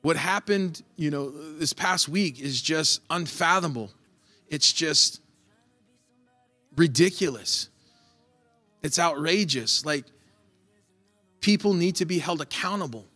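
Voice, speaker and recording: A man preaching a sermon in a relaxed, conversational way, retelling a Bible story and voicing its characters. His voice sits a little high for a man. Faint music plays softly underneath. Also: takes it slowly, pauses often. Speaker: pastor.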